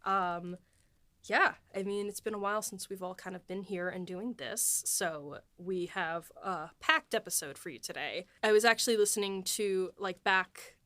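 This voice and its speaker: A woman who is a podcast host and writer chats loosely on a behind-the-scenes show, full of fillers and light laughs. Her mid-range voice is a bit bright at a moderate pace. The recording is dry.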